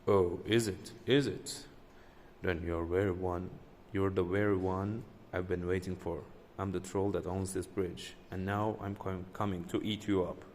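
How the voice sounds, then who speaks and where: A man doing a big menacing troll from a storybook, low booming voice that drags out its threats, echoing in a roomy space with faint hiss behind. It sounds loud and greedy. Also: little pitch movement, unhurried. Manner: menacing, gloating.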